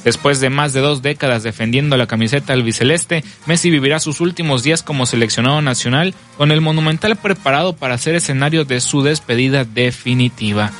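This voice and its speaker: A man anchors a scripted sports news bulletin, reading it in a brisk, measured newsreader style with time checks. His voice is medium in pitch with a fairly bright tone.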